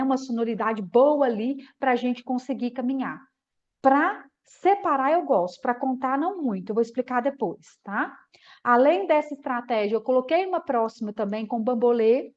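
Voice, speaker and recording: A woman with a high voice gives an explanatory online talk to teachers. She checks in with her listeners often and slows to a crawl when she breaks a word into syllables. The stream audio is dull and lo-fi. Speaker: teacher educator. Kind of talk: live online lecture.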